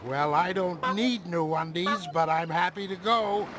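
A doddering old superhero. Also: male voice, high voice, heavy background noise. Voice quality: gravelly. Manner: slow, doddering, with sudden heroic shouts. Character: elderly male superhero, forgetful and bumbling. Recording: loud game music behind.

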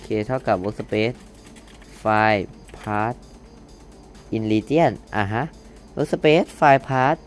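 A young man talks through his code at a desk mic in a casual lesson, his voice a little low and his pace unhurried. He reads each piece of code out word by word and stops to correct himself. Faint music plays under him. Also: steady tone. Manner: thinks aloud while typing, reads code out word by word, self-corrects. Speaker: coding tutorial host. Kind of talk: casual screen-recorded coding lesson.

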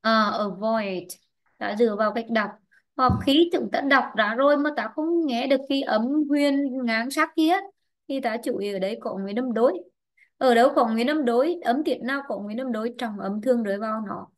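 Brief: female teacher, fairly high voice, online lesson, patient and prompting. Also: moderate pace. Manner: patient, quizzing and prompting students by name. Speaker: English teacher. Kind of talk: online class, questioning students and explaining grammar rules.

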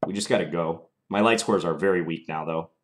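Streaming from a small room at home, a young man with a mild Minnesota accent talks through his chess moves live. He speaks briskly in a low voice.

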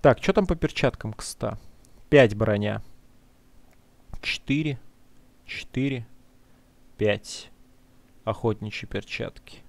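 A man's voice: mid-range voice, gravelly, no echo. A man giving casual gameplay commentary, talking in slang to his viewers and muttering his thoughts as he plays. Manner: slangy, talks to viewers as "guys"; muttering to himself, drawn-out musing. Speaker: let's play gamer.

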